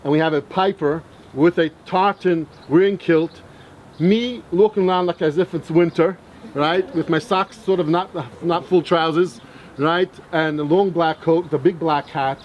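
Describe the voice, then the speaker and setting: A man's voice: on the high side, steady tone, unhurried, lo-fi sound, a little hiss or hum. A man leading a bar mitzvah ceremony, speaking chattily and checking in with the crowd. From Scotland. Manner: chatty, keeps checking in with "right?" and "okay?". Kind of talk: ceremony speech.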